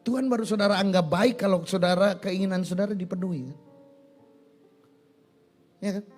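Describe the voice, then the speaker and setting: High-voiced animated preacher man. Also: normal speed, soft background music. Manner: animated, asks the congregation questions and answers them himself. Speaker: pastor. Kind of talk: sermon. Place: church.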